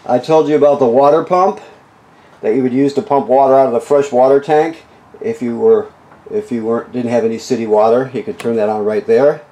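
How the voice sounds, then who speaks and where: A man's voice: medium pitch, brisk, warm tone. A man giving an informal, instructional product walkthrough, explaining features plainly and often checking that he is followed. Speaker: RV walkthrough technician. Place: in and around a travel trailer.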